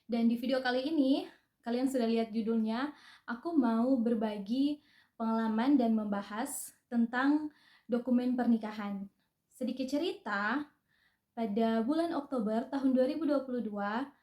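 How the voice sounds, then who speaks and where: A woman's voice: on the high side, fairly bright tone. Chatty Indonesian-speaking woman vlogger, echoey room. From North Sulawesi, Indonesia. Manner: chatty, friendly, with hesitant fillers. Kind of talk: casual personal vlog.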